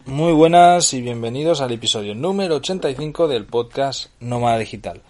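A man's voice: medium pitch, lively intonation, brisk, a little mellow. A middle-aged man from Spain with a Spanish accent, hosting a solo podcast and explaining things while often checking in with his listeners. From Barcelona, Spain. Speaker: podcast host.

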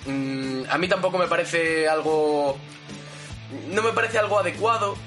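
A man's voice: a little high, a little slow, a bit bright. A man hosting a podcast in the manner of a wrestling commentator, talking conversationally over music. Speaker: podcast host. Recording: music bed behind the voice. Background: guitar music.

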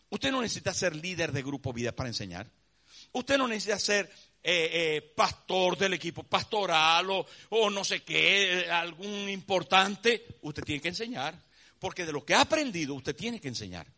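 High, forceful-voiced male preacher. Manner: dramatic storytelling, acts out scenes with shouts; addresses listeners as brother, asks rhetorical questions. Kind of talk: sermon.

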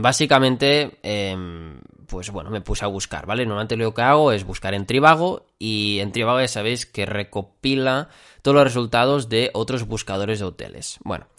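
A man from talks through a casual solo podcast monologue. He wanders from point to point, fills pauses with ums and keeps checking in with his listeners. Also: on the low side, a bit bright. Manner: rambling, full of fillers and "¿vale?" check-ins. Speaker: podcast host.

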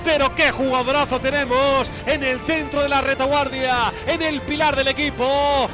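A man commentating on football in a breakneck, impassioned goal-call style, shouting drawn-out repeated cries and names. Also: extremely high pitch, steady tone, music in the background.

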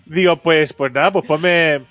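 A man's voice: a little high, fairly even intonation, unhurried, a bit bright, no echo. A man who hosts a stream, telling a story in casual chat, laughing often and acting out the quotes. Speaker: streamer and show host.

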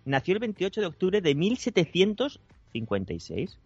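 A man's voice: sits high, wildly swooping pitch, moderate pace, husky, no echo, soft background music. A man co-hosting a casual podcast, joking around in a playful way and fond of making silly noises. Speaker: podcast co-host. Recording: dull, dry audio.

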